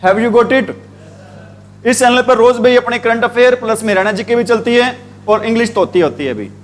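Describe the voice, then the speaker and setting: A man's voice: very high voice, slight background noise. A man teaching English grammar, asking the same questions again and again and drawing out the words he spells. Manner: repetitive call-and-response questioning, drawn-out spelled words. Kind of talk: classroom grammar lesson in Hindi.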